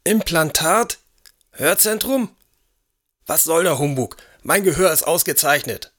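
A high, querulous old aristocrat in an audio drama, forever demanding and indignant. He barks orders with a lord's impatience. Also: lively intonation, unhurried, a bit bright. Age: older. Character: elderly, imperious, irritable English aristocrat.

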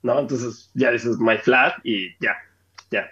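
A man's voice: medium pitch, slow, bright, forceful tone, husky, highs cut off. A Mexican man with a Mexican Spanish accent, teasing and joking in slangy casual podcast chat. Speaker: podcast co-host.

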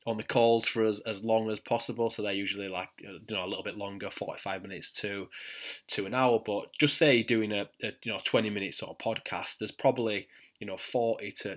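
A man with a thick Yorkshire accent hosting a solo podcast, talking in a halting, deliberately slowed way with repeated words. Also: fairly low pitch, fairly bright tone. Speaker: podcast host, physiotherapy mentor. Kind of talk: solo podcast talk to listeners.

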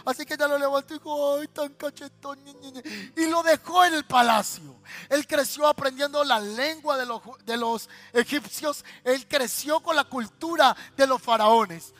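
A Colombian male pastor preaching a sermon, telling stories in a lively, colloquial way and speaking straight to his listeners. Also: extremely high pitch, normal speed, soft background music. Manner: storytelling, lively and colloquial, addressing listeners directly.

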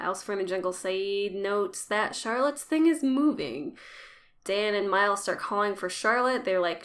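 A woman's voice: medium pitch, fairly bright tone. Chatty woman recapping with wry asides. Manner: chatty, wry, quotes characters in quick voices. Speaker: podcast co-host recapping an episode. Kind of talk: casual chat and recap narration.

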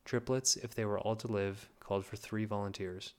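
A man reading a story aloud in a measured, plain way. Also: fairly low pitch, steady tone, darkish tone. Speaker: narrator.

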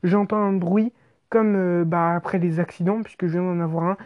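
A woman narrating an exaggerated comic story in an animated, slangy way, with swearing. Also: lowish voice, moderate pace, lo-fi sound.

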